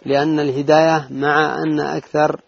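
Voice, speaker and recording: Gravelly flat-voiced man reading aloud. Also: on the high side, no echo. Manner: measured recitation with brief asides. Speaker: reader of the text in a lesson. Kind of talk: reading a religious text aloud. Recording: dull lo-fi dry recording.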